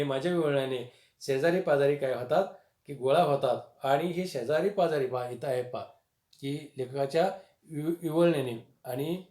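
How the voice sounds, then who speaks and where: A man teaching a lesson on a humorous text, repeating himself often with many fillers and loudly acting out the quoted dialogue. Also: mid-range voice. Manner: acts out the quoted dialogue with rising, louder lines. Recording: echoey room.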